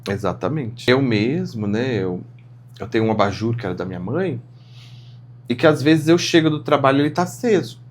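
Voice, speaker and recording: Middle-aged male co-host, medium pitch, sincere reflective conversational read. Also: expressive, fairly quick, a little hiss or hum. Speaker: podcast co-host. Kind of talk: casual chat.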